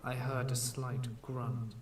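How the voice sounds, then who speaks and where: A man narrating a scripted horror story in a measured, slow storytelling manner. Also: medium pitch, level tone. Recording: echoey room, distant mic, faint hiss.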